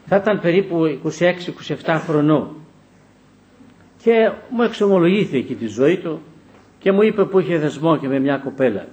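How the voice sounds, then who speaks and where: An older male bishop preaches with a fairly high voice. He tells stories from confession, acting out the dialogue, and he repeats key lines for emphasis. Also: lively intonation, darkish tone, lo-fi sound. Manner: storytelling, acts out quoted dialogue, emphatic repetitions. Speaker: Orthodox bishop. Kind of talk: sermon with anecdotes.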